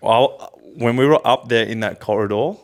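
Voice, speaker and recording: A man with a mid-range voice, speaking at normal speed, co-hosts a podcast and tells a story in casual chat, full of fillers and restarts.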